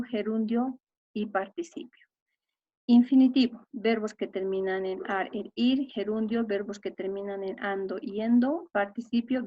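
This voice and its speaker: A woman teaching a recorded grammar lesson, reciting verb forms in a steady, methodical way. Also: on the high side, lo-fi sound. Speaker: language teacher.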